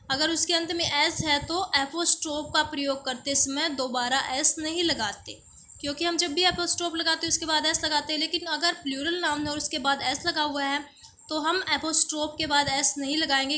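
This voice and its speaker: A woman teaching a grammar lesson. She asks questions and then answers them herself, and she reads example phrases out slowly and deliberately. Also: high voice, pushed and bright. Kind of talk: classroom-style grammar lesson.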